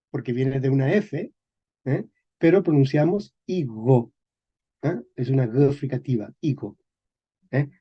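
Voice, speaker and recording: A man teaching a class on historical sound changes, speaking slowly and deliberately, checking in with his listeners after nearly every phrase and repeating key words. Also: on the high side, slightly rough, highs cut off. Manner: slow and deliberate, checks in constantly with "¿ok?" and "¿eh?". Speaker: teacher of Spanish historical phonology. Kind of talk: classroom lecture.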